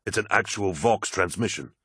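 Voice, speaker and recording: Stern warrior commander voiced by a man: deep, dry, clipped orders. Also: normal speed, pushed and bright, husky, no echo. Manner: curt, commanding questions.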